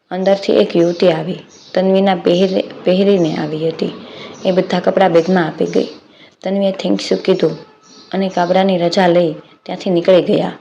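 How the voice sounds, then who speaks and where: A woman tells a story in a low, even voice that barely rises or falls. Her narration is steady and measured. The recording is a little dull, with a faint hiss behind it. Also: gravelly. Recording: slightly dull lo-fi audio with faint background noise.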